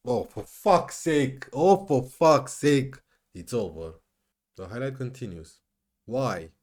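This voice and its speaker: A man commentating his own football management game, muttering over the action and breaking into exasperated yells. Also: fairly low pitch. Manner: exasperated, swings from muttering to yelling. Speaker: gaming YouTuber. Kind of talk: let's play commentary.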